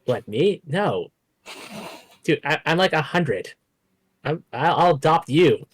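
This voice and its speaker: A cheeky, century-old bookworm creature, as a man puts him on for a tabletop game. He talks in a playful, teasing way, and his pitch leaps up and down. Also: animated, slow, breathy edge, heavily acted.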